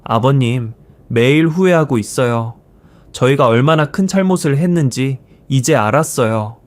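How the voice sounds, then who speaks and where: A man's voice: medium pitch, normal speed, lightly acted. A man voicing a remorseful middle-aged daughter-in-law who pleads and begs tearfully in a storybook reading. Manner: tearful, begging.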